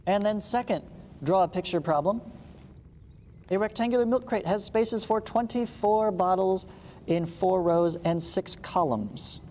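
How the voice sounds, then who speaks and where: In a reverberant room with background hiss, a man with a high, darkish voice reads a math textbook aloud at a measured pace. He breaks off now and then for informal explanatory asides.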